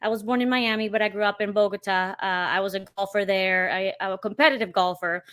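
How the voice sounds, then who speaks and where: A woman's voice: mid-range voice, fairly even intonation, fast talker, a bit bright. A woman in her thirties from Colombia, a podcast guest talking casually and emphatically, with plenty of "you know". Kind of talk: casual interview chat.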